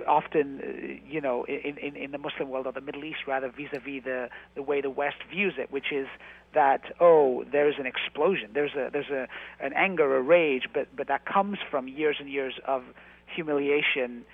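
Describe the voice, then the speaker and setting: A man, an actor and writer, talking as a guest in a casual radio interview, halting, with many restarts and fillers. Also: mid-range voice, vocal fry, no echo. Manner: halting, many restarts and fillers, animated when telling stories. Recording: tinny phone-like radio line.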